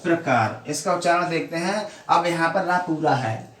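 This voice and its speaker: Guy teaching grammar to kids, slow and repetitive, lots of questions, echoey room, mic kinda far. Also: a little high, animated, a bit bright. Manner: slow, repetitive explaining with frequent questions to pupils. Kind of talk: classroom-style grammar lesson. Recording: echoey room, mic at a distance, faint noise.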